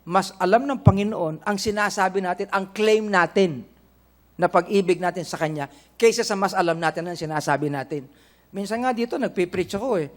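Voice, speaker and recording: A man's voice: sits high, brisk. A middle-aged Filipino man with a Filipino accent, preaching a sermon to his congregation, quoting scripture and asking them "Amen?" and "Correct?". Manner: preaching in Tagalog mixed with English, quoting scripture. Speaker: pastor.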